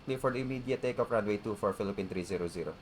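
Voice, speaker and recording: Deep-ish male pilot voice, cockpit headset style, clipped callouts and readbacks. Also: rapid-fire, slight background noise. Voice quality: clipped aviation phraseology with hesitations. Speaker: pilot in a flight simulator.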